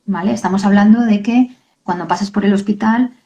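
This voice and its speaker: A woman, a guest author in an interview, talking earnestly and haltingly and often adding checking tags. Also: medium pitch, dark tone, dull audio. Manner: earnest, halting, many tag questions. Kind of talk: emotional interview talk.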